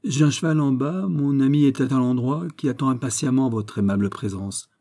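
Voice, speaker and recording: A man voicing a boisterous, boastful giant swordsman in an audiobook, with a husky, booming, jovial delivery. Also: moderate pace, mellow, lightly acted. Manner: jovial, booming, raised pitch. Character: boisterous giant old-style swordsman nobleman, hearty, boastful. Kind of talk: audiobook character voice.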